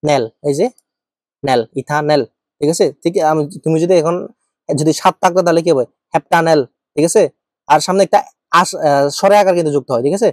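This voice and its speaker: A man's voice: on the high side, fairly quick, pauses often, no echo, studio quality. A male chemistry teacher giving an informal lecture, asking and answering his own questions and checking in with students often. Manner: asks and answers his own questions, thinks aloud while writing.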